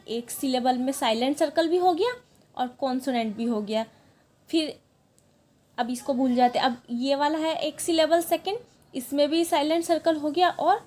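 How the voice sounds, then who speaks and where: A woman's voice: sits high, a little mellow, slight background noise. A woman teaching a language lesson, explaining step by step in a patient way and often checking in with the listener. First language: Marathi. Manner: patient, repeats "ठीक है" to check along.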